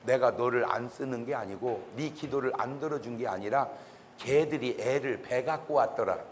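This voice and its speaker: A man's voice: medium pitch, moderate pace, noisy background, voice pushed down, natural voice. A man, a pastor, voicing God answering him in a plain, matter-of-fact way during a humorous lecture.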